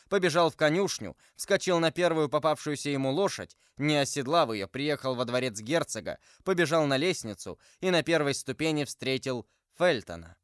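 Brief: male audiobook narrator, even and measured, dry close sound. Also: mid-range voice, clean tone, no echo. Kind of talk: audiobook reading of a classic novel.

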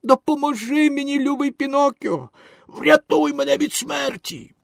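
A man doing a drowning police dog in a storybook reading, pleading in a high, strained voice. The voice is dry and close, with no room sound. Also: expressive, takes it slowly, darkish tone, dry recording, exaggerated voice. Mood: desperate pleading. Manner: pleading, frantic. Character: drowning male police dog, desperate then grateful. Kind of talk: audiobook character voice.

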